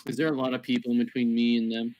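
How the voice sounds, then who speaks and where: A man's voice: medium pitch, little pitch movement, rapid-fire, darkish tone, rough recording. A man playing a tabletop game, asking questions in an apologetic, unsure way. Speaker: player. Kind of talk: casual chat at a gaming table.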